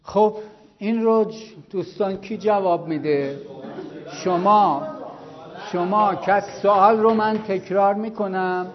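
A man with a high voice gives a religious lecture to a class of students. He talks in a conversational way and acts out the stories he tells. The recording is dull and lo-fi. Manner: conversational storytelling, acts out quoted exchanges. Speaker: cleric teaching seminary students.

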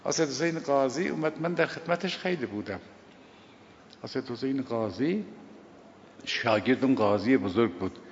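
A gravelly older man gives a sermon, telling stories and driving each lesson home through repetition. His delivery swings between loud emphasis and quiet asides. The recording is dull and lo-fi, with a long reverb trailing off the walls of a large hall and faint ambient noise underneath. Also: mid-range voice, long pauses. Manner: emphatic storytelling, repeats key phrases, swings between loud and hushed. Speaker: religious teacher. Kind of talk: sermon explaining a prayer.

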